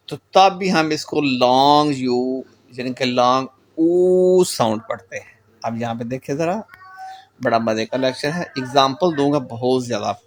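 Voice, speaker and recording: A man teaching German pronunciation in a recorded lecture, with a Pakistani Urdu accent. He explains patiently, repeats example words and mixes in English phrases. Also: mid-range voice.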